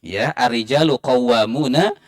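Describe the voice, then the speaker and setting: A man's voice: mid-range voice, normal speed, no room sound, clean studio sound. A man teaching Quran recitation in a mosque, patiently repeating and spelling out each sound. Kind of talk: tajwid lesson.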